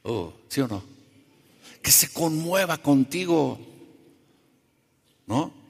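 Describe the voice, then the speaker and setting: A male preacher giving a sermon, conversational and animated, who keeps asking the congregation questions. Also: fairly high pitch, slow pace, creaky, husky. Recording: long reverb of a large hall.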